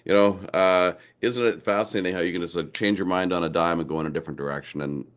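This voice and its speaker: A man's voice: low-pitched, steady tone, fast. A man hosting a podcast, asking questions in an enthusiastic, rambling way with playful turns of phrase. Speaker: podcast host. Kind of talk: casual interview chat.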